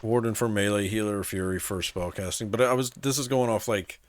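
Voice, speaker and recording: Male game streamer, low voice, relaxed chatty delivery, answers chat. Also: brisk, no room sound. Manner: laid-back, answers chat, many fillers like "so, like" and "um". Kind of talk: casual live-stream chat.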